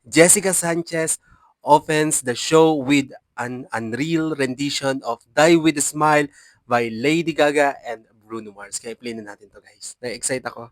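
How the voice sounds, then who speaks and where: A Filipino-accented man hosting a casual reaction video, effusive and excitable, laughing often as he praises what he watches. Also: fairly high pitch, normal speed, no room sound. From Philippines. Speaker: reaction channel host.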